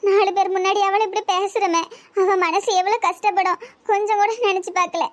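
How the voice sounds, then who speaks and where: Cartoon young woman, heartbroken and lamenting; Tirunelveli Tamil accent, very high voice. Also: little pitch movement, fairly quick. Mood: sorrowful. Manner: self-pitying lament.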